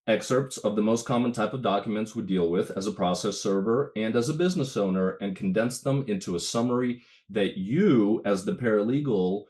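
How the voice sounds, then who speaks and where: A man's voice: lowish voice, a little mellow. A man in his thirties from Ukraine, giving a casual webinar talk over a video call while getting over a cold, with many fillers and restarts. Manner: conversational, with frequent fillers and restarts. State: has a cold, itchy throat. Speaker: presenter at a bar webinar.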